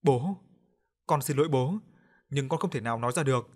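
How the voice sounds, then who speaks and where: A man voicing a frightened young woman who speaks softly while sobbing. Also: medium pitch, a little fast, close to an everyday voice. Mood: tearful pleading. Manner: soft, pleading.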